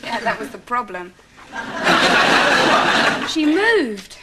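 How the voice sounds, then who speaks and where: An impulsive young woman whose slightly high voice goes exasperated and scheming. She schemes and huffs by turns. Broadcast noise sits under it. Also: sing-song, very slow, exaggerated voice. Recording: noisy broadcast sound.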